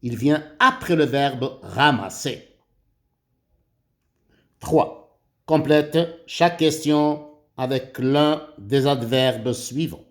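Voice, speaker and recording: A man's voice: mid-range voice, extremely slow, long pauses. A man teaching a primary school grammar lesson, reading questions aloud and explaining each step patiently. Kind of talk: slow, deliberate grammar lesson.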